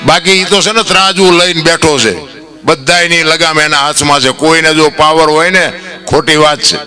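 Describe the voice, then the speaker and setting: Kathiawadi Gujarati man, folk storyteller, high forceful voice, fervent preaching style, faint music bed. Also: fairly even intonation, normal speed. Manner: impassioned preaching, swells into loud high outbursts, often calls listeners "bapu". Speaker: folk storyteller and literary speaker. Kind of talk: devotional folk storytelling talk to an audience.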